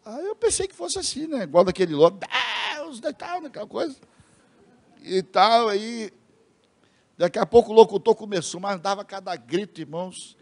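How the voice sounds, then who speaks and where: A man's voice: high-pitched, moderate pace. A Brazilian man preaching a sermon as pastor, telling a story and mimicking the people in it. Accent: Brazilian Portuguese. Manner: lively storyteller, mimics voices in quotes, addresses congregation as brothers.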